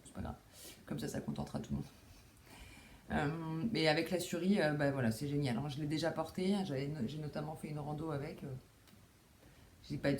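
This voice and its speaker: A woman's voice: sits low, mellow, slight background noise. Chatty woman hosting a knitting podcast. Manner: chatty, self-deprecating, many fillers and restarts. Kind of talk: casual chat. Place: home room with window.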